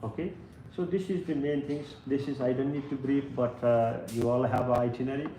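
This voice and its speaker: A man's voice: medium pitch, steady tone, a little fast, dark tone, slight background noise. A man, leading a tour and briefing his group in an earnest, repetitive way. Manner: earnest, repeats "like this kind of things". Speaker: tour leader. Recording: echoey room, faint ambience.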